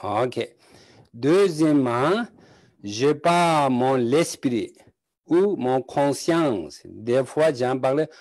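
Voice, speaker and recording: A man with a Tibetan accent gives a calm Buddhist teaching at an unhurried pace, piecing his words together in short, halting phrases. His voice is mid-pitched and recorded close and dry, with no room sound around it. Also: no room sound. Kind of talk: slow teaching talk in broken French.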